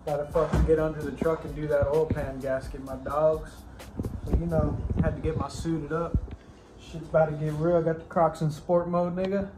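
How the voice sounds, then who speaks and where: A man's voice: fairly high pitch, flat delivery, moderate pace, over music, rough recording. A man in his twenties chatting casually to camera in a garage, swaggering and slangy with heavy swearing. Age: 20s. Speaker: DIY car repair vlogger. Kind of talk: casual vlog chat to camera. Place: home garage with open door.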